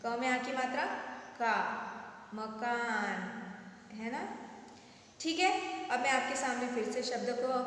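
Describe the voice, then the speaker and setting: High bright lady teacher, slow and patient, spelling out words bit by bit for little kids. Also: slight background noise. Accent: Hindi-speaking India. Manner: sounds out words syllable by syllable, asks the class to repeat. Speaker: primary school teacher. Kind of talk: slow, patient phonics lesson for young children. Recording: very echoey room with long reverb.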